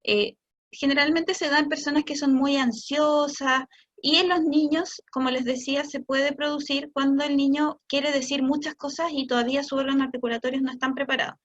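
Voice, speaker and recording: A Chilean woman speech therapist giving a talk to parents, explaining patiently and stretching words out slowly to demonstrate them. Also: high voice, steady tone, dull audio. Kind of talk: online talk for parents answering questions.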